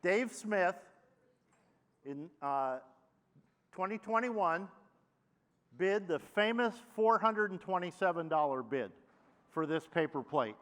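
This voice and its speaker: A man works a charity auction, calling out bids again and again and teasing the bidders between calls. His voice sits high for a man. It rings through a big hall with a long reverb tail. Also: animated, a bit bright. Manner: rapid repetitive bid calling, jokey asides.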